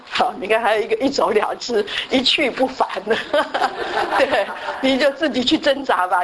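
A woman's voice: on the high side, slight background noise, low-quality recording. A woman giving a sermon, telling a story and often slipping in English words. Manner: frequent "好" fillers and restarts. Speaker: church speaker.

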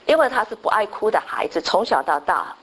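A woman's voice: mid-range voice, very animated, fairly quick, husky, poor audio. An older woman sharing a personal faith testimony, telling her story with many filler words and restarts and dropping in English words. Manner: sprinkles English words into speech. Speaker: church testimony speaker.

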